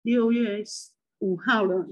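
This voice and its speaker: A woman's voice: medium pitch, fairly even intonation, slow pace, highs cut off. Older woman with a Taiwanese Mandarin accent. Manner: rambling and emotional, with frequent restarts. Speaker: spiritual medium and hypnotist. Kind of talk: personal reflective monologue.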